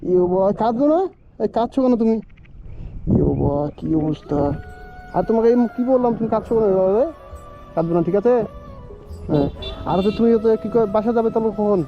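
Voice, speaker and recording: A man hosting a vlog, chatting outdoors by the road from his bike, coaxing gently and repeating himself. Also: high voice, quick pace, pauses often. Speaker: vlog host. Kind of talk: casual roadside chat. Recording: dull lo-fi audio with music behind.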